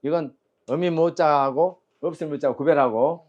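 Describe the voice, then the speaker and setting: A man's voice: on the high side, moderate pace, a little mellow, lo-fi sound. A man teaching Chinese characters and tones, quizzing his students and drilling sounds aloud in a call-and-response lecture.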